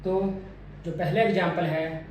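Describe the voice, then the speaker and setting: A man teaching a phonetics lesson, deliberately modelling each vowel sound over and over. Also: a little high, steady tone, slight background noise. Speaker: English pronunciation teacher. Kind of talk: phonetics lesson with drilled repetitions. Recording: very echoey room, mic at a distance.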